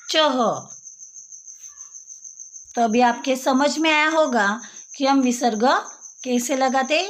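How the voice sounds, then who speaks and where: A woman teacher talks a young class through a textbook page. She speaks slowly and patiently, repeating and explaining each word. Her voice sits high, and crickets chirp faintly behind her.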